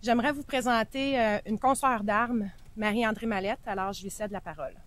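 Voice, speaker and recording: A woman speaks with a Quebec French accent in a somewhat high-pitched voice. She delivers a prepared statement in public, as an advocate for veterans' families. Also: brisk, no room sound.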